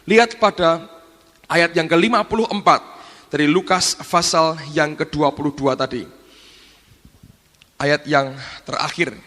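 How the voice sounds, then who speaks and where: A middle-aged pastor preaching a sermon, acting out Bible scenes in a lively way. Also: male voice, on the high side, unhurried, pauses often. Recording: long hall reverb.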